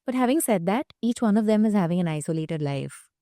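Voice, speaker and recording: A woman's voice: mid-range voice, animated, brisk, dark tone, no echo, studio quality. A woman with an Indian accent giving explanatory, conversational interview answers as a psychologist, often tagging phrases with "you know". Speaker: guest psychologist.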